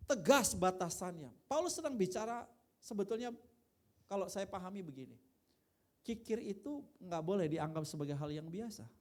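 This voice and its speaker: A male pastor from Indonesia preaching a sermon in a casual, conversational way, dropping to quiet asides and then rising into loud, emphatic bursts. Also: high-pitched, expressive, normal speed. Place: church worship service.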